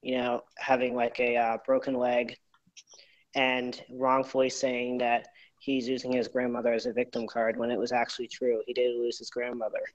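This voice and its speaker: A man talks earnestly and at length, circling back with fillers. His voice bounces around a garage, which gives it a noticeable echo. The mic sounds dull and lo-fi, and his pitch sits in a middle range. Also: completely flat delivery, normal speed. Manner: earnest, rambling with many fillers. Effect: echoey garage sound. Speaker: YouTuber. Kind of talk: group apology video. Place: home garage.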